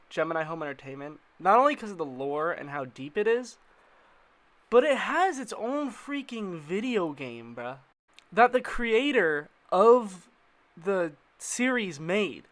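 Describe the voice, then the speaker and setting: Narrating an explainer video at a measured pace, this man has a slightly high voice with a fairly bright tone. He's very animated, staying conversational and informal with slang and playful asides throughout.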